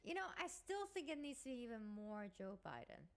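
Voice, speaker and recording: A young woman streamer chatting casually on a live stream, playful and thinking out loud with giggles. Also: sits high, sing-song, brisk.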